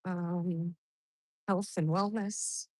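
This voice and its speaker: Out for an exercise walk in hot weather, a woman livestreams to her followers, greeting viewers, answering them, and rambling as she thinks aloud. Her fairly low voice is mellow with fairly even intonation, and she speaks extremely slowly. There is no room sound.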